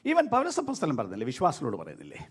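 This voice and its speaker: A middle-aged man, a pastor with a Malayali accent, preaching a sermon that swings between loud and soft and drops in English words. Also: a little high, racing, husky. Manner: lively preaching, rising and dropping sharply between loud and soft; mixes English words into his speech.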